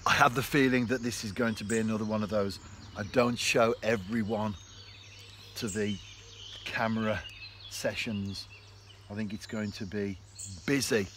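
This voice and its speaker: This fishing vlogger talks at a moderate pace in a low-leaning voice, leaving long pauses as he reflects aloud on a canal bank. He's chatty and addresses the camera, which sits close in front. The background carries faint outdoor noise of birds and countryside.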